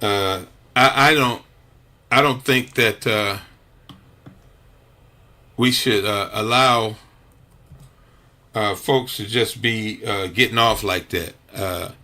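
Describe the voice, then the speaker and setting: Guy ranting on his radio show, keeps stumbling over his words, tense bright voice. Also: fairly low pitch, slow pace, long pauses. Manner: indignant, stammering with repeated restarts. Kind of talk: talk radio monologue.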